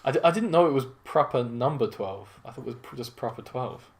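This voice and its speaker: A man's voice: mid-range voice, lively intonation, a little fast. Man, from England, mixed English-Irish-American accent, podcast co-host, casual chat, chatty, swears.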